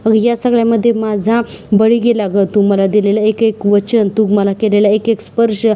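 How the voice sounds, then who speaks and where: A woman's voice: mid-range voice, flat delivery, normal speed, dark tone, lightly acted. A woman voicing a betrayed young man who pleads and accuses in heartbreak. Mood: pleading.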